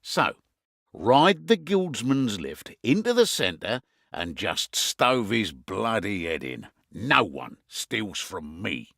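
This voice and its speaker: Indignant and gruff, the middle-aged British innkeeper running a hidden resistance takes it slowly in this video game briefing. He still sounds lively and varied in pitch, slipping in wry asides with a weary edge, in a heavily acted, very dry, close recording.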